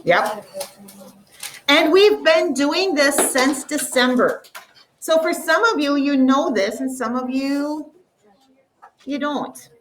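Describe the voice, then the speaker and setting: Walking her class through a math problem, a woman teacher explains slowly and deliberately, her high, clear voice stretching out numbers so they sink in. A classroom mic a few steps away captures her in a low-quality recording with slight background noise.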